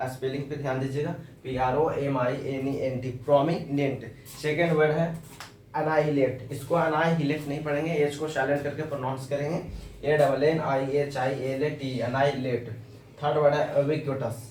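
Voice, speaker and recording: A man with an Indian English accent teaching English vocabulary and spelling words out slowly, letter by letter. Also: medium pitch, darkish tone, roomy sound, distant mic, a little hiss or hum, low-quality recording. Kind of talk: vocabulary lesson.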